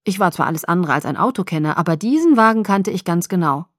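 A woman reading an audiobook in steady first-person narration. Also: on the low side, quick pace, no echo, studio quality.

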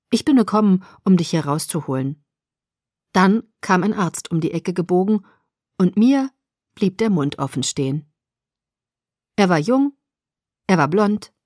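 A woman narrating a first-person audiobook in an expressive reading that swings between loud and soft. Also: on the low side, no room sound, studio quality.

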